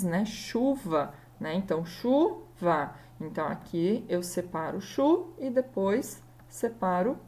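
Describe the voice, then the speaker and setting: A woman's voice: mid-range voice, a little mellow. A woman teacher, patiently explaining a grammar lesson and spelling out letters one at a time. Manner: patient, slow, spells out letters and checks in often.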